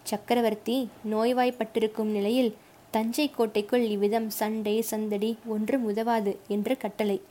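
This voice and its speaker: A woman's voice: fairly high pitch, level tone, moderate pace, close to an everyday voice. A woman voicing an older male fort commander who speaks with authority and scolds his guards in a storybook reading. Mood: calm. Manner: authoritative, scolding underlings, gentle to the youth.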